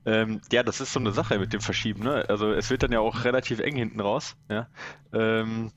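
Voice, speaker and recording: A man with a fairly low voice chatting easily on a podcast. He jokes and swears in a relaxed way and reads bits aloud as he goes. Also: fairly quick, no echo, lo-fi sound. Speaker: podcast co-host. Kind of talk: casual podcast chat.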